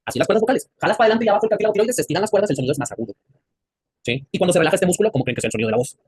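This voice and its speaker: A man's voice: high voice, lively intonation, racing, a little mellow, slightly rough, no echo. A man with a Mexican accent teaching an anatomy class, quizzing his students and joking in crude slang. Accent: Mexican Spanish. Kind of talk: classroom lecture.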